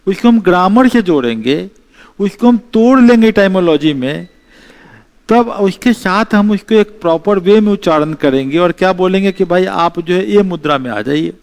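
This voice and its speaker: A man giving an exam-prep history lecture, explaining slowly, repeating key terms and mixing in English phrases. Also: high voice, lively intonation. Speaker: teacher.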